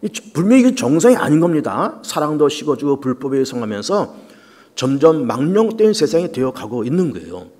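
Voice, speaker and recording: A man's voice: on the high side, big pitch swings, brisk, darkish tone. A man preaching a sermon to his congregation, talking conversationally with many fillers and rising and falling emphasis. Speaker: pastor. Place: church sanctuary. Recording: long church reverb.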